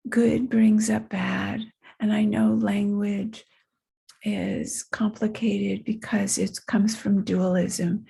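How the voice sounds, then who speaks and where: A woman giving a slow, reflective spiritual talk, speaking softly and often dropping into a breathy near-whisper. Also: mid-range voice, flat delivery. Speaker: spiritual teacher.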